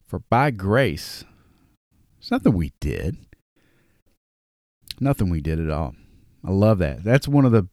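A man's voice: lowish voice, darkish tone, no echo, studio quality. A man with a Southern US accent, a podcast host talking casually through Bible verses and reading scripture aloud. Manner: conversational, reads scripture aloud with restarts. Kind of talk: casual Bible study talk.

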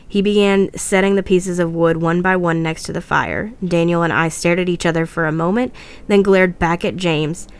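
A woman hosting a podcast, reading a horror story in a measured way, slowing for suspense. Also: fairly low pitch, fairly even intonation, clear, resonant tone. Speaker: podcast host.

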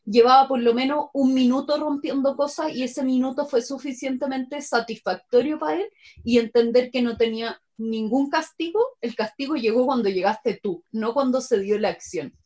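A woman's voice: high-pitched, moderate pace, darkish tone. A woman with a Chilean accent, a dog trainer, emphatically correcting common mistakes in a podcast discussion. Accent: Chilean Spanish.

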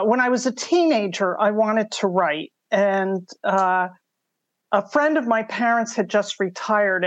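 A woman's voice: medium pitch, no echo. Older woman guest, dry and slightly dull audio. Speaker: podcast guest, mystery writer. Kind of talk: conversational interview storytelling.

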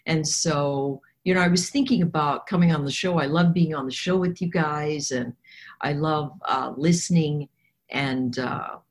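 A woman speaks in a fairly low voice, hoarse and froggy with a smoker's rasp. She rambles a little as she thinks aloud, giving conversational commentary on the markets as a guest. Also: measured pace. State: hoarse from coughing. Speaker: trader and technical analyst guest.

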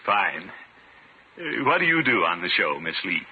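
An actor playing a pompous, sentimental middle-aged bachelor in a 1950s radio comedy, with a theatrical delivery. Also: male voice, low voice, very animated, moderate pace. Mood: smitten. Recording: noisy, muffled old radio broadcast.

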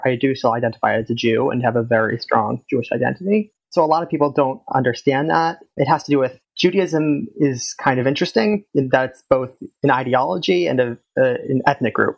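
A man, a podcast panel guest, explaining his background in a measured way. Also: mid-range voice, gravelly, muffled recording. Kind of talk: personal story in a podcast panel.

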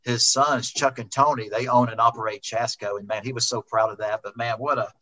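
Rambling middle-aged man, bright tone. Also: mid-range voice, steady tone, fairly quick. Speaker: racing driver, interview guest. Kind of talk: heartfelt remembrance in a conversation. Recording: dull lo-fi sound.

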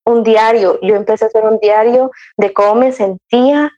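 A woman's voice: on the high side, steady tone, moderate pace, dark tone, dull audio. A young woman, telling her story in casual chat, acting out her own past words with many restarts. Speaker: guest sharing her motherhood story.

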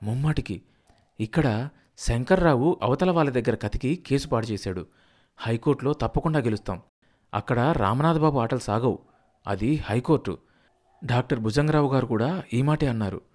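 A man's voice: medium pitch, expressive, normal speed, long pauses, a little mellow, close to an everyday voice. A man voicing an anxious middle-aged village wife who coaxes and snaps at her husband in a storybook reading. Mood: coaxing.

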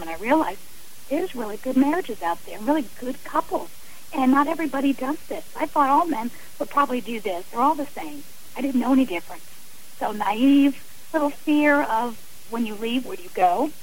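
Brisk and lively in her intonation, a woman with a slightly high voice appears as a radio interview guest, earnestly and emphatically explaining through examples and repetition. Her talk is personal and advisory, and the audio is poor.

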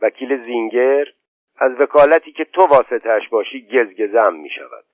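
A man's voice: medium pitch, expressive, husky, phone-quality sound. A man voicing a proud, angry man who scolds and mocks a younger guest in a storybook reading. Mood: scolding. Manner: stern, scolding and sarcastic.

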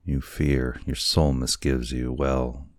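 A man reading an audiobook, voicing a kindly, frail old man in a soft, hushed voice. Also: a bass voice, level tone, takes it slowly, no room sound, studio quality. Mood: gentle. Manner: soft, hushed, half-whispered.

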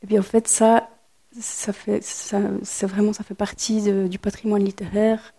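Mellow-voiced woman author reading aloud. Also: mid-range voice, level tone, measured pace. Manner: searching for words between readings. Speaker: author reading her own plays. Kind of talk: public reading with commentary. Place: speaking to a live audience.

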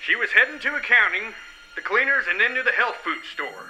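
A man's voice: very high voice, animated, brisk, sharp tone, soft background music, full character voice, low-quality recording. A man playing a self-important, bossy male mayor in a comedy radio spoof.

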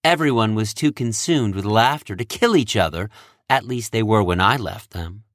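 A man's voice: on the low side, expressive, moderate pace, dry recording, studio quality, close to an everyday voice. A man voicing an earnest female weaver of fates who speaks politely and plainly to her lord.

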